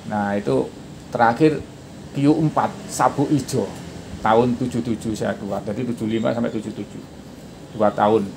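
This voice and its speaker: Gravelly-voiced man in his sixties. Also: mid-range voice, steady tone, moderate pace. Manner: shouts out karate counts when demonstrating. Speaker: podcast guest. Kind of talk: casual interview. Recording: noisy background.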